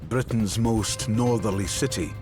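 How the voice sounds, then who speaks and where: A man's voice: fairly low pitch, measured pace, over music. A man reading scripted documentary narration.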